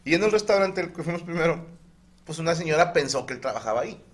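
A man's voice: on the high side, lively intonation, quick pace. A man telling stories in a casual comedic podcast chat and acting out other people's lines. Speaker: podcast co-host.

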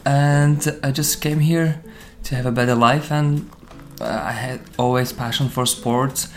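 A man from Slovakia recounts his path into fitness in English, his second language. He speaks at an ordinary mid pitch. His phrasing is non-native and thoughtful, full of fillers. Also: fairly even intonation, a little slow, soft background music. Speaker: personal trainer. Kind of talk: interview storytelling.

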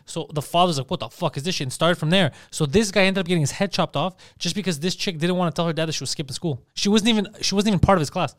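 A man in his thirties, chatting casually on a podcast, profane and animated. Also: sits high, rapid-fire, hardly any pauses, no echo, studio quality. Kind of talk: casual chat.

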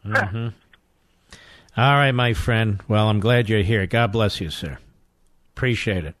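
A man hosting a talk radio show, speaking forcefully and asking indignant rhetorical questions. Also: on the low side, unhurried, no room sound, clean studio sound. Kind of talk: talk radio monologue and call-in.

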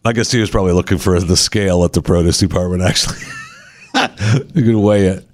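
A man's voice: sits low, fairly even intonation, quick pace, a little mellow. A man co-hosting a casual chat show, reading odd news stories aloud, laughing often and putting on mocking voices.

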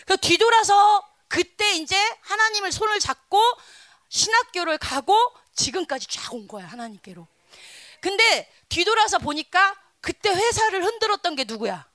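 A woman in her thirties preaching a children's sermon in a church, telling stories with sudden swings between loud and soft. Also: very high voice, very animated, normal speed, dry recording.

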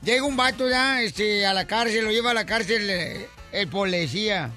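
A man's voice: high voice, bright, forceful tone. A man hosting a radio show, telling jokes and teasing his co-hosts with playful banter. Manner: playful, teasing, quick to laugh. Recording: music bed under the talk.

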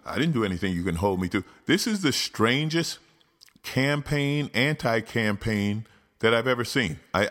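A man hosting a political talk show, ranting with sarcasm and exasperation, his voice jumping up in loud outbursts. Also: on the low side. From United States.

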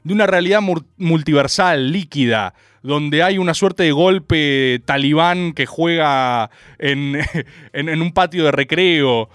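A man's voice: a little high, slow, fairly bright tone, clean tone, no echo, clean studio sound. A young Argentine man with a Rioplatense accent hosting a comic political monologue, rambling and ironic, laughing at his own jokes. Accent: Rioplatense Spanish.

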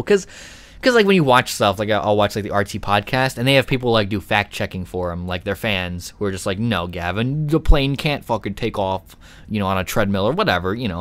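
Rambling young man, solo podcast. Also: lowish voice. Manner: rambling, excitable, swears often, many fillers. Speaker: podcast host. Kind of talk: solo live podcast chat.

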